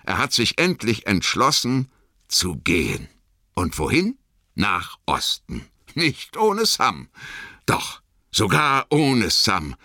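A man's voice: on the low side, huge pitch swings, slow pace, sharp tone, no room sound, studio quality, heavily acted. A man voicing a loyal, anxious male hobbit servant who pleads and stubbornly insists in a strained, pressing voice. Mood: brooding.

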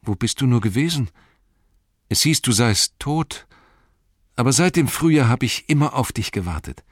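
A man voicing a sharp-tongued young hobbit woman who teases and reproaches in a raised voice. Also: mid-range voice, lively intonation, moderate pace, no room sound, studio quality, pitched above the performer's own voice, close to an everyday voice. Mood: teasing. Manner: teasing, reproachful.

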